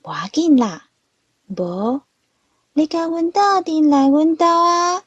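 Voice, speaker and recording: A woman's voice: high voice, animated, slow pace, no echo, dull audio, pitched above the performer's own voice. A woman voicing a friendly female house cat in a storybook, cheerful and inviting.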